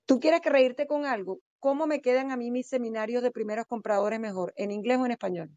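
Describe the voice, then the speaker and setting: A woman's voice: a little high, steady tone, fairly quick, dark tone, dry recording, muffled recording. A woman giving real estate seminar advice, speaking emphatically and questioning her audience directly. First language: Spanish. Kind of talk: instructive panel talk.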